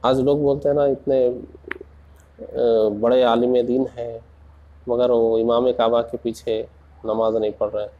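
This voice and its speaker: A man preaching in a slow, deliberate way, asking rhetorical questions and rising into passionate emphasis. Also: mid-range voice, flat delivery, narrow, tinny audio. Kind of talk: Urdu sermon.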